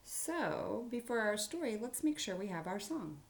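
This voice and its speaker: This elementary school teacher has a mid-range, sing-song voice and takes her time. She walks children through a read-aloud writing lesson, explaining things in plain, simple terms.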